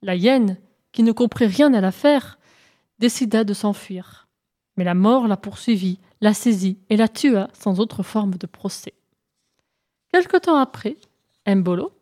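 A woman narrating a folk tale in a measured, even reading voice. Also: medium pitch. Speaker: storyteller.

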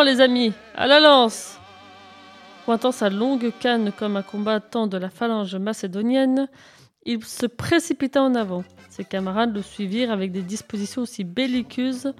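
A woman reading a children's adventure story aloud, lifting her voice for the characters' lines. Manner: lively, raising pitch and volume for dialogue. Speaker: narrator. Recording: faint music behind. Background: faint music.

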